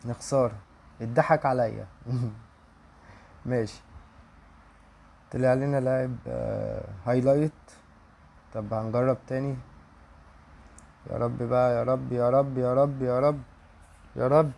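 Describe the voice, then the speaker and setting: A man's voice: mid-range voice, steady tone, unhurried, creaky, long pauses, a little mellow. A young man with an Egyptian accent commenting on game pack openings, pleading for good luck and repeating his wishes aloud. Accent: Egyptian Arabic. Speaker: gaming YouTuber.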